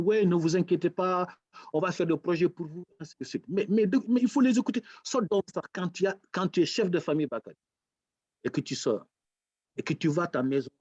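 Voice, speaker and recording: A man from Senegal with a Senegalese accent, a lecturer speaking as a talk-show guest and telling stories with animated, acted-out dialogue. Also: a little high, no room sound, highs cut off. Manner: animated storyteller, acts out quoted dialogue. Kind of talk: casual talk-show conversation.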